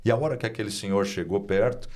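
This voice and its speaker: Low-voiced pastor telling a testimony. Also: male voice, quick pace, a little mellow. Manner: earnest, narrative, with many "né?" tags. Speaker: pastor and guest speaker. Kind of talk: storytelling testimony in an interview.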